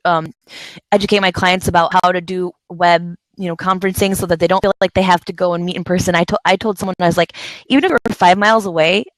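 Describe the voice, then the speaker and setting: Hosting a casual live video chat, a woman from the San Francisco Bay Area talks fast in a lowish, fairly even voice. Her sentences ramble, full of fillers and restarts. The recording is rough, though there's no echo.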